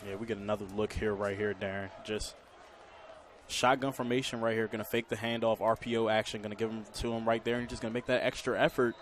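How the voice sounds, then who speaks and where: A man's voice: lowish voice, level tone, fast talker, a little hiss or hum. An American man giving conversational colour commentary on football, often repeating his phrases.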